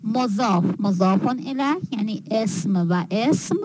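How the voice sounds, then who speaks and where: A woman teacher giving a classroom lecture, dictating words slowly and repeating them. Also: mid-range voice, darkish tone, slight background noise, rough recording.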